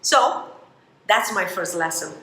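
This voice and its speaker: A woman from Romania, giving a motivational talk in an emphatic, expressive storytelling manner. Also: on the low side, slow pace, vocal fry, roomy sound, rough recording. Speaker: motivational speaker.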